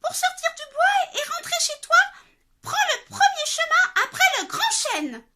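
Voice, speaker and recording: Squeaky tearful baby bear. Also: female voice, sing-song, measured pace, very noisy, full character voice. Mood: whiny tearful. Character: tiny crying baby bear, whiny.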